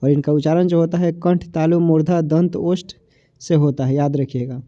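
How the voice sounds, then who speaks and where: A man's voice: on the high side, fairly even intonation, moderate pace, dark tone, no echo. A man with a Hindi accent from Bihar, teaching a grammar lesson for exam prep. He asks questions and answers them himself, and he stretches out each sound as he says it. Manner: repetitive, asks and answers his own questions; drags out sounds when saying them. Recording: dull, dry, lo-fi voice recording.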